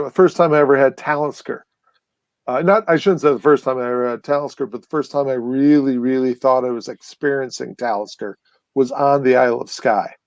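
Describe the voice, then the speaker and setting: A man's voice: medium pitch, dry recording. A man appearing as a guest, telling long stories in a casual, rambling way with many fillers and restarts. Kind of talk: casual storytelling chat.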